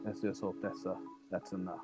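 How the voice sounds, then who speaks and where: A man hosting a Bible study show, talking in a relaxed, conversational way and speaking to his listeners as "y'all.". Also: sits low, fairly quick, soft background music. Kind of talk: casual Bible study discussion.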